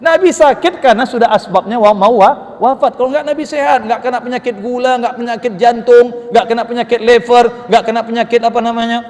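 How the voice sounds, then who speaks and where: High-voiced guy preaching in a mosque, joking and asking questions, long hall echo. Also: a little fast, hardly any pauses. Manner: lively storytelling with humor and rhetorical questions. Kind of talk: mosque sermon.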